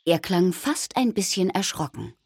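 A woman narrating a children's storybook in a calm, gentle way. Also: lowish voice, moderate pace, gravelly, husky, no echo, studio quality. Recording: faint music behind.

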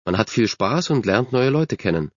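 A man's voice: mid-range voice, big pitch swings, moderate pace, dry recording, muffled recording. A man voicing a confident, friendly girl who is a team captain and stands up for others. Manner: self-assured, friendly.

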